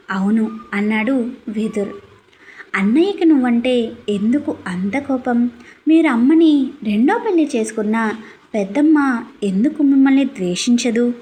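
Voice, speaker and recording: Woman narrating a love story, husky. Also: on the high side, a little mellow. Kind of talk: scripted narration with dialogue.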